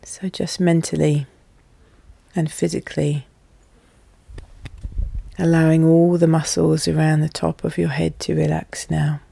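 A podcast host guiding relaxation in a calm, soothing, soft and hushed voice, with measured, deliberate phrasing. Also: mid-range voice, creaky, husky, dry recording. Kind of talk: slow, soothing guided hypnosis narration.

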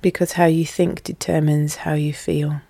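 Soft hushed voice, guided relaxation narration, even steady pitch, dark mellow tone, deliberate pauses. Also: gravelly, husky, no room sound. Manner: calm, measured, deliberate phrasing with pauses. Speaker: guided relaxation podcast host. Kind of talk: slow, soothing guided hypnosis narration.

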